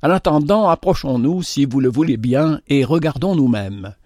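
A man reading a classic tale aloud in a measured, gentle way. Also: mid-range voice, lively intonation, no echo, clean studio sound. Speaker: narrator. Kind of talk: scripted storybook narration.

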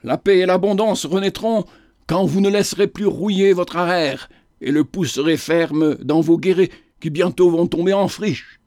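A man voicing a stern, respectable gentleman who reproves indignantly. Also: high-pitched, moderate pace, no echo, clean studio sound, close to an everyday voice.

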